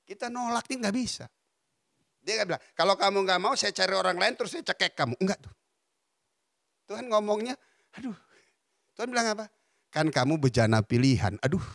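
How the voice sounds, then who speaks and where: A man's voice: sits high, vocal fry, dry recording, clean studio sound. A male pastor preaching a sermon, telling stories with frequent laughter. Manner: animated storytelling preacher, laughing often.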